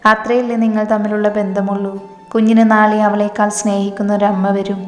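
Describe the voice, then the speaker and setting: A softly persuasive young schemer, as a woman storyteller puts her on, her lines level and unhurried. The voice rings in an echoey room with gentle music underneath. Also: mid-range voice, flat delivery, lightly acted. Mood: coaxing.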